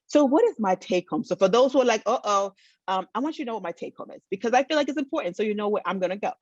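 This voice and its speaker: A woman's voice: mid-range voice, animated, rapid-fire, a little mellow, no room sound. A woman from the United States giving a conference keynote over a video call from home, earnest, with many fillers and restarts. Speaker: keynote speaker. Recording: dull, dry, lo-fi video call audio.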